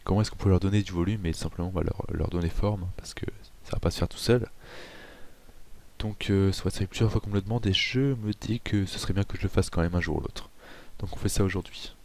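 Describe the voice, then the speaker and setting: A man hosting a casual software tutorial, chatty with self-mocking asides and frequent hesitations. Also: deep voice, fairly even intonation, fairly quick. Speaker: tutorial host.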